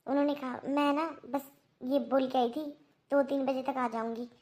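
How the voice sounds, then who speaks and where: Woman as a firm young cartoon daughter, high voice, earnest lecturing tone. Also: fairly even intonation, moderate pace, a little mellow, lightly acted. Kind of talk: Hindi cartoon dubbing.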